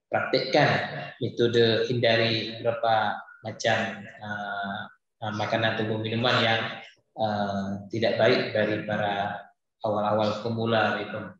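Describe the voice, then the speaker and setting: A man teaching Quran recitation, answering viewers' questions in a hesitant way with many filler pauses. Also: lowish voice, muffled recording. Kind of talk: live-streamed Q&A lesson. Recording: very echoey room.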